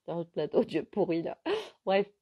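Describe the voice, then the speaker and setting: A middle-aged woman, a holistic coach, telling a rambling, animated story in a casual live stream. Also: lowish voice, moderate pace, husky. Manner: rambling, chatty, animated retelling. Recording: dull lo-fi sound.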